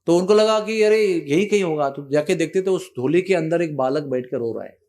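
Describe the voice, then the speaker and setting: A man telling a devotional story in a sermon, animated and switching between Hindi and English. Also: a little high, a little fast. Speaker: spiritual teacher.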